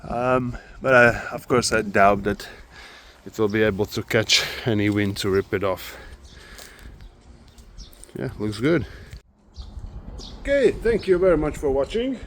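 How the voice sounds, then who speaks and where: A man thinks aloud as he works, hesitant and self-deprecating, in a relaxed and casual way. His voice sits at an ordinary middle pitch. The sound is a low-quality phone recording with plenty of room echo and a faint hiss underneath. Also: unhurried, long pauses. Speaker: car vlogger. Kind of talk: casual DIY walkthrough. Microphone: phone, no microphone. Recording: echoey, noisy phone recording.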